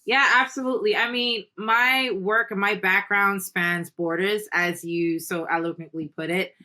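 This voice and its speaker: A woman's voice: mid-range voice, steady tone, unhurried, bright, forceful tone. A woman raised in Haiti, talking earnestly as a podcast guest, peppering her speech with "you know". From Caribbean, Haiti. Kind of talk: conversational interview.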